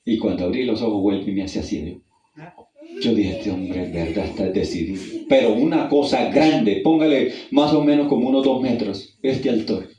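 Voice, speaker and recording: A man preaching an evangelistic sermon. He tells a personal story, calls his listeners brother and asks them questions, and he goes from hushed and low to loud and high when he reads the scripture. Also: normal speed, lo-fi sound. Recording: roomy, distant mic.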